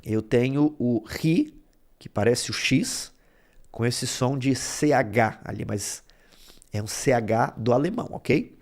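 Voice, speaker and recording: A man's voice: mid-range voice, slow, darkish tone. A man teaching a Bible lesson, explaining word roots step by step and checking in with his listeners as he goes. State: throat bothering him.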